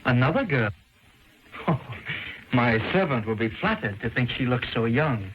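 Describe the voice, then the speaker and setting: Actor as stagey early-talkie professor, crackly soundtrack. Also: male voice, mid-range voice, animated, normal speed, close to an everyday voice. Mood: dry, stern. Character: stern, dryly teasing male college professor. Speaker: film actor. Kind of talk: stagey early-talkie 1920s movie acting. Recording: crackly, muffled 1929 film soundtrack.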